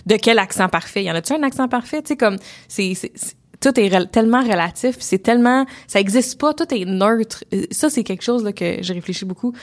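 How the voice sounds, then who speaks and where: A woman's voice: medium pitch, animated, fairly quick. A woman with a Québécois accent hosting a casual conversation, thoughtful and encouraging. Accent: Québécois French.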